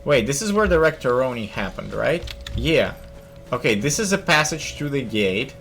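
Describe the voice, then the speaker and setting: With a sing-song lilt and a slightly bright, mid-range voice, a young male streamer riffs on his video game at a moderate pace. He jokes and thinks aloud over faint game music.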